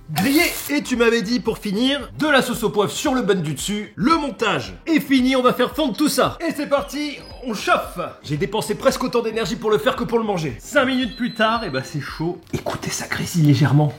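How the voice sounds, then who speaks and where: A young man in a home kitchen, hosting a casual cooking and eating vlog in a loud, jokey, exclamatory way, swearing casually. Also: very high voice. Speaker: food YouTuber.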